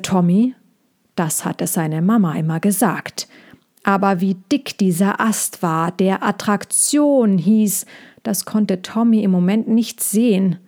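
A woman reads a children's storybook aloud, calm and measured. She takes her time, with a middle pitch and an unhurried pace. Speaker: narrator. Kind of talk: storybook reading.

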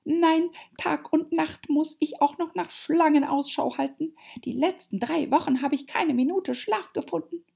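A woman voicing an anxious, complaining mother pigeon with a shrill, screeching voice, on a dull lo-fi recording. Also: measured pace, gravelly, hardly any pauses, darkish tone. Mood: shrill, aggrieved. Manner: complaining, scornful. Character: shrieking anxious mother pigeon guarding eggs.

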